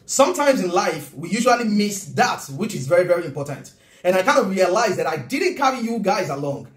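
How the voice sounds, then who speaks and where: A man's voice: high-pitched, brisk. A man in his thirties with a Nigerian accent, talking casually and earnestly to camera from his home kitchen. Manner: animated, gestures a lot, earnest. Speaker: vlogger and business coach. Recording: roomy room echo.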